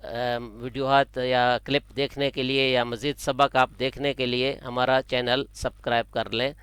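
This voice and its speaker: A man's voice: mid-range voice, flat delivery, a bit bright, clean tone, no echo. A man teaching an online Arabic lesson in Urdu, patiently saying each word twice so learners can follow along.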